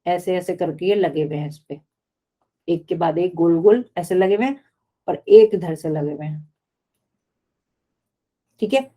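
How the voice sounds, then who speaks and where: A woman's voice: lowish voice, a little slow, long pauses, warm tone. A woman teaching biology in a live online class, explaining step by step and often asking the class questions.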